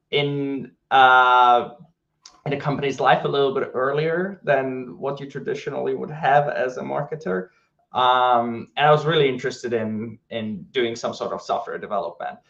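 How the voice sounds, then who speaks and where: A Hungarian game studio co-founder with a Hungarian accent chats casually in an interview, relaxed and full of fillers and restarts. His voice is medium-pitched and the audio is dull.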